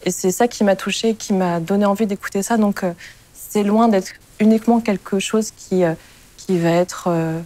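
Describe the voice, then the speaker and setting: A woman's voice: mid-range voice, fairly even intonation, normal speed, warm tone. A woman sharing a sincere, reflective view in a casual group discussion. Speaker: discussion participant.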